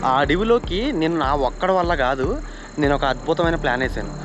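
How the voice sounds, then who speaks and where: A man vlogs excitedly while hunting ghosts in a forest, narrating horror-style, calling his viewers "guys," and shouting or yelling when frightened. His voice is a little high and he talks fast, with background music and crickets audible outdoors.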